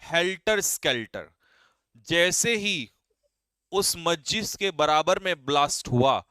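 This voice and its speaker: Brisk, teasing male exam-prep teacher; bright, crisp voice, slightly high. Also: expressive, no echo, studio quality. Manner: brisk, quizzing students and teasing them. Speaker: English vocabulary teacher. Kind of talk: live online exam-prep class.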